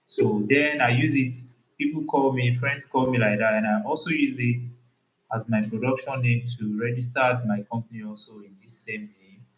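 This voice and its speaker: A man's voice: mid-range voice, steady tone, moderate pace, echoey room, poor audio. A man from Nigeria with a thick Yoruba accent, chatting casually with his partner in a Q&A video. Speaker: co-host of couple channel. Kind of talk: casual couple Q&A chat.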